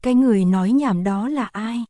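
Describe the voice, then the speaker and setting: A calm, kind young lady from a storybook, speaking softly and evenly, as a woman narrator reads her. Her tone is mellow and warm, and the recording is close and dry. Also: fairly high pitch, a little fast, no echo, natural voice. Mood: gentle. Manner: soft, gentle, composed.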